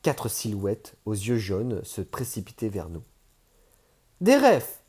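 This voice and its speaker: A man narrating a first-person novel as an audiobook, measured and steady. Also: fairly low pitch, breathy edge.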